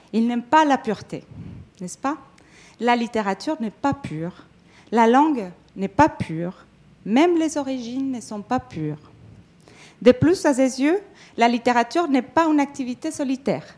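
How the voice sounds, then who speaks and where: A woman's voice: fairly high pitch, a little mellow. Hesitant woman from Mexico. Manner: hesitant, many fillers and restarts. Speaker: event organizer. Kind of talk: event introduction speech.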